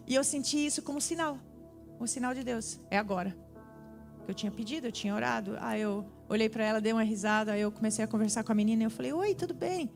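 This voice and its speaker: In a church, a young woman preacher shares her personal testimony in a sermon, animatedly acting out the dialogue as she goes. Her voice is fairly high, fast and creaky, with faint music behind it.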